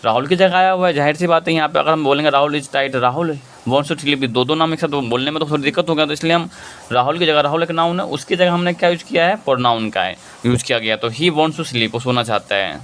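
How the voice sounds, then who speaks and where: A man's voice: a little high, brisk, fairly bright tone. A man teaching English grammar in a lesson, explaining in Hindi and reading English examples in an Indian accent, often asking and answering his own questions. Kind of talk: classroom-style lesson.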